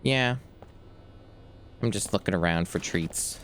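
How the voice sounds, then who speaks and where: A man's voice: low voice, slow, slight background noise. A man streaming a video game, chatting casually and easily as he plays. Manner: relaxed, easygoing. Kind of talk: casual gameplay chat.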